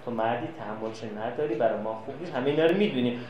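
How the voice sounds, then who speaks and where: A man voicing a scheming mother who meddles in family quarrels, speaking softly and coaxingly. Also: mid-range voice, echoey room, background noise, voice pushed down, natural voice. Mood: falsely soothing.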